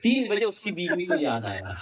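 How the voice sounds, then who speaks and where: High-pitched preacher guy on a stage mic, spinning a funny folk tale and doing everyone's lines. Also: moderate pace, roomy sound, dull audio. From Kolkata, India. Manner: animated storytelling, acting out family members' lines. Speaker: Islamic preacher. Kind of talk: sermon with a comic folk story. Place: religious gathering, stage. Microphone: stage microphone.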